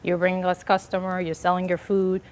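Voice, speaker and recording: This Liberian woman is a chef and business owner appearing as a guest, answering interview questions earnestly and chattily with plenty of fillers. Her voice sits lowish and monotone, and she talks fairly quickly.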